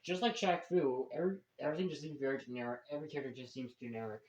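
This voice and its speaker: A man's voice: mid-range voice, rapid-fire, a little mellow. Man, reaction host, casual commentary, roomy sound, slightly muffled recording.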